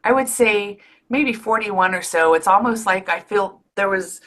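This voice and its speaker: A woman's voice: medium pitch, unhurried, a bit bright. Reflective woman podcast host. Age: 30s or 40s. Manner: reflective, loose, sprinkles fillers and mild swearing. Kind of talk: casual interview chat.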